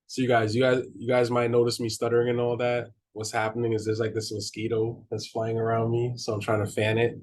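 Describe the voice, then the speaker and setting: Casual math teacher with a husky, mellow voice. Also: male voice, medium pitch. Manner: casual, checks in with students, restarts while reading. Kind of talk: online class lecture.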